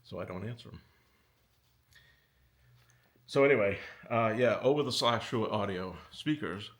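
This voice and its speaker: A middle-aged man hosting a casual commentary video, talking with animated exasperation that pushes his pitch up. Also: unhurried. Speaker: audio company owner and video host.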